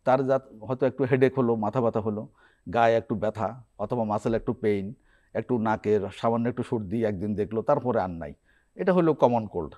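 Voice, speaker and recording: A man's voice: on the low side, brisk, mellow, highs cut off. Man explaining in a TV studio. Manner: explanatory, lists symptoms and remedies step by step. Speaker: guest doctor. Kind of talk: health advice on a TV program.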